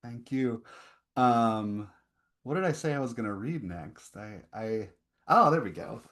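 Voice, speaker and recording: A young man reads his own poems aloud at a poetry event, giving repeated lines slow, rising emphasis. Between the poems he chats casually and leans on fillers. His voice sits at an ordinary middle pitch. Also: expressive, fairly bright tone. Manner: chatty, filler-heavy asides between poems. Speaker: poet reading his work. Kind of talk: poetry reading with casual asides.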